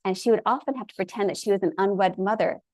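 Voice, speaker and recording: A woman's voice: mid-range voice, quick pace, darkish tone, no echo. A woman presenter telling stories in a lecture, earnest and openly enthusiastic about the people she describes. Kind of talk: storytelling lecture.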